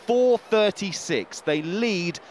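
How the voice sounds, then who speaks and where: A man commentates on cricket live. His voice sits high and he takes his time between phrases, with faint noise around him. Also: lively intonation, slow pace, a little mellow.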